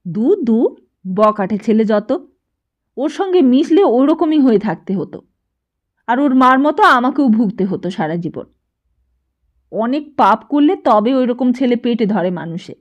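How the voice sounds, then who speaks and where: A woman voicing a sharp-tongued, scolding mother in a storybook reading, exclaiming and quick to anger. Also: a little high, expressive. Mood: indignant scolding. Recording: dull lo-fi recording.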